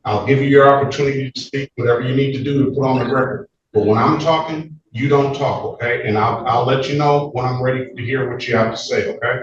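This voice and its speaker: A man's voice: medium pitch, fast, few pauses, distant mic, highs cut off. A man presiding as judge in court, firm and controlling, heard on a courtroom recording. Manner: stern, firm, interrupts to keep control. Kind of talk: courtroom proceedings. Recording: echoey courtroom from afar, faint music.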